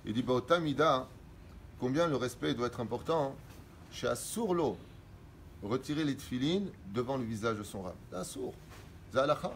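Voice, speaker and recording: A middle-aged man, a rabbi, teaching religious law and explaining quickly read Hebrew sources in French. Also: mid-range voice, animated, a little hiss or hum.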